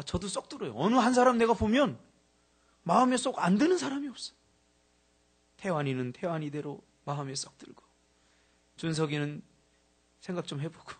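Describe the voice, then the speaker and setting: A middle-aged male pastor preaching an evening sermon, telling stories with animated, rising bursts of praise. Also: high-pitched, slightly rough. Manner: animated, storytelling, shouts hallelujah. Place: church sanctuary.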